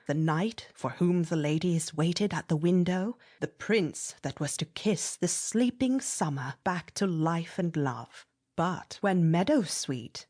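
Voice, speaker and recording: A woman with a lowish voice reads classic literary fiction as a dramatic audiobook. Her delivery is expressive and measured, with theatrical emphasis.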